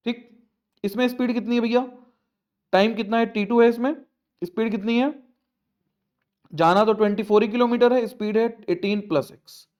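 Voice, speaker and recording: A man's voice: high voice, a little mellow, muffled recording. A male maths teacher explaining a lesson step by step, coaxing his students and asking them questions. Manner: coaxing, asks students questions, repeats points.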